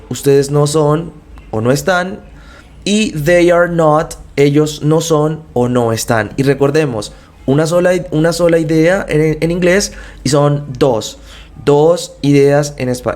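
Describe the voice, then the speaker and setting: A man, explaining English grammar step by step and slowly drawing out each English example phrase. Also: a little high, darkish tone. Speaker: English teacher. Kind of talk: bilingual grammar lesson.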